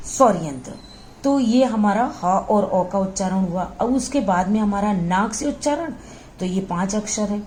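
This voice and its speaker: A woman's voice: medium pitch, a little mellow, slight background noise. Patient woman teaching phonetics. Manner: patient, repetitive, checks in with "ठीक है" often; models sounds slowly and aloud. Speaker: Hindi grammar teacher. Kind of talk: classroom lesson explanation.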